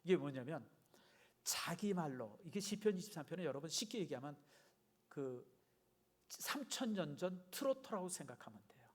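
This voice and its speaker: A man's voice: a little high, very animated, moderate pace. Chatty man preaching a sermon. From Seoul, South Korea. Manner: chatty and warm-humored, addresses the congregation directly. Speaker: pastor. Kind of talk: conversational sermon. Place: church sanctuary.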